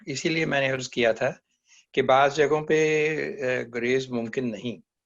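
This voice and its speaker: A man taking part in a literary discussion, speaking in a measured, agreeable way. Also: mid-range voice, steady tone. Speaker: discussion participant. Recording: dull lo-fi recording.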